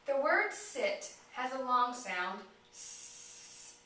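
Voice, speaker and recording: A woman working as a speech therapist, talking slowly and encouragingly to a child in exaggerated, simple phrases. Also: high voice, lively intonation, fairly bright tone, slight background noise. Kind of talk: child-directed therapy demonstration. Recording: echoey room, mic far off.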